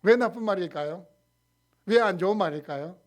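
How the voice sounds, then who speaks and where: Male pastor, high-pitched voice, Sunday sermon, questions the congregation, dips from loud stresses into quiet asides. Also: a little fast. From South Korea. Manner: asks the congregation questions, acts out quotes; swings between loud stresses and quiet trailing phrases.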